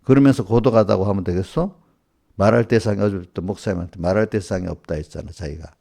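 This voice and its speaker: A man's voice: low-pitched, fast, gravelly, mellow. A man, a pastor, preaching informally to congregants and scolding them with one rhetorical question after another. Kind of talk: small-group sermon addressing congregants directly.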